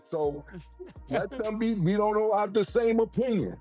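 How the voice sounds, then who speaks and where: A man's voice: high-pitched, expressive, unhurried, over music. A man co-hosting a talk show, going on a blunt, profane, escalating comedic rant in casual, repetitive phrasing.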